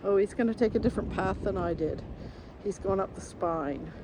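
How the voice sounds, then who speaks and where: A woman's voice: medium pitch, moderate pace. Breathless woman hiking a dune. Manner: breathless running commentary while hiking. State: out of breath from climbing. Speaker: travel vlogger. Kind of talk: casual vlog narration to camera. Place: outdoors on a large sand dune. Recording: strong wind noise outdoors. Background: wind noise.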